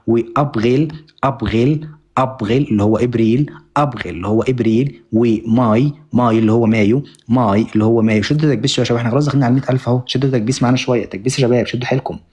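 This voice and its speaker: A man's voice: medium pitch, mellow. A young Egyptian man teaching German on a live stream, repeating each word over and over and thanking viewers often. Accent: Egyptian Arabic. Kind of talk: live-stream language lesson.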